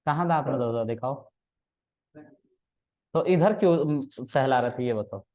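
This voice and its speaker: A man's voice: mid-range voice, normal speed, a little mellow. A man teaching a class as their trainer, teasing his students in playful, casual banter and mixing in English words.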